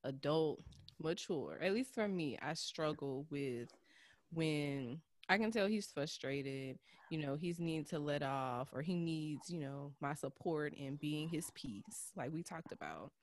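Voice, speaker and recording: A woman's voice: deep voice, expressive, measured pace. A woman co-hosting a casual podcast chat, supportive and reflective, often affirming her partner. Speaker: podcast co-host.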